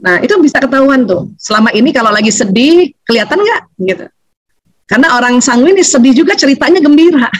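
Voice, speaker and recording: Animated woman lecturer. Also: sits high, fast, no echo, low-quality recording. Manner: animated, chatty, laughs often, acts out quotes. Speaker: seminar speaker on family relationships. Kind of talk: lively seminar talk.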